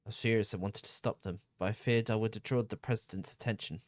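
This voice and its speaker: A man voicing an earnest loyal ally who reports news in a measured way. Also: lowish voice, fairly even intonation, dry recording, lightly acted.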